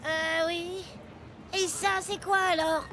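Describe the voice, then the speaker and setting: A woman voicing an anxious, bossy young child in an animated series, fussy and hesitant but pleased with their own advice. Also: very high-pitched, slow pace, slight background noise, exaggerated voice. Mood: worried, cautious. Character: anxious, bossy, boastful young child, cautious best friend.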